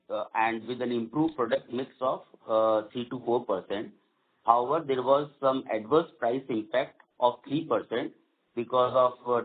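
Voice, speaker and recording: Dull, lo-fi conference call audio captures an Indian-accented man speaking as a company executive on an earnings call. His voice is mid-range, and his answers come haltingly with repeated phrases.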